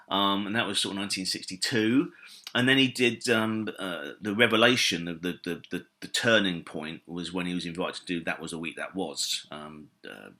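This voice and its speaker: A man's voice: low voice, sharp tone. A British man, a comedy historian and author, answering interview questions in a casual, enthusiastic, rambling way with many fillers and restarts. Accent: British English. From Britain.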